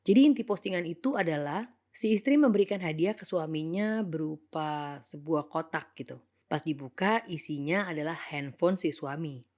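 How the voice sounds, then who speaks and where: A young woman with a somewhat low voice narrates a reflective monologue. She speaks earnestly and thoughtfully, weighing each point. English phrases come up now and then in her narration. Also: moderate pace, darkish tone.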